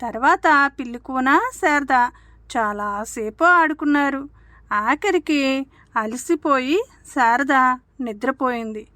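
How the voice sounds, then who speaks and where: A woman telling a children's story to a child as a storytelling aunt, in a gentle, sing-song way. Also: high voice, lively intonation, slow pace, no echo.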